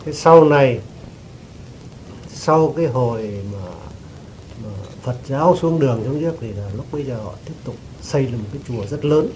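A man of middle pitch recounting events he says he witnessed, speaking haltingly and clearing his throat often. He addresses a teacher with deference. The recording is noisy, with steady rain in the background. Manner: hesitant and halting, with frequent restarts and throat-clearing. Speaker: devotee giving testimony. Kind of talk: telling a personal story to a teacher.

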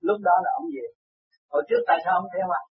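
A man's voice: sits high, huge pitch swings, very fast. A man acting as a spiritual counselor who reassures and lectures in casual chat. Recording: muffled recording, faint noise.

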